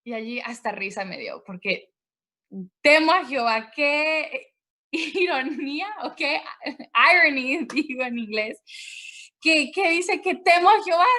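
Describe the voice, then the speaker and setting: A woman who preaches a conversational sermon, retelling a Bible story in an animated way, acting out the characters' voices and laughing often. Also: high voice. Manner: slow, drawn-out delivery.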